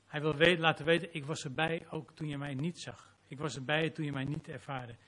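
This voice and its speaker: A man's voice: fairly high pitch, fairly even intonation, brisk, a bit bright. A man preaching a sermon as pastor, reading scripture dramatically and closing in prayer.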